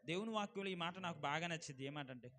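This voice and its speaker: A male pastor preaching a sermon, swinging from loud exclamations to quiet asides and asking the congregation questions. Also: a little high, quick pace, slight background noise. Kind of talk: Telugu church sermon.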